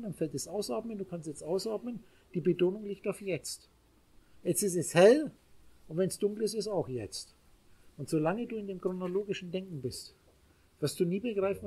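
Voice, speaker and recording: A man teaches a small group in a spiritual lecture. His voice is mellow and somewhat husky. He talks emphatically, repeats his points and speaks straight to his listeners. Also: high voice. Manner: emphatic, repetitive, addresses listeners directly.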